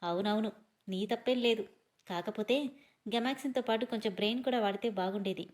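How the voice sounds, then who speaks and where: A woman's voice: mid-range voice, a little fast, darkish tone, lightly acted. A woman voicing a young man who teases and mocks in a storybook reading. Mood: teasing. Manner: teasing. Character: teasing young man, dry mocking humor.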